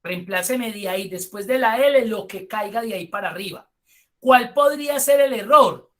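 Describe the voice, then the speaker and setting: A man's voice: high-pitched, normal speed, bright, forceful tone. A man with a Colombian accent teaching a spreadsheet class, explaining step by step with chatty asides. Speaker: spreadsheet course instructor. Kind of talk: live online class.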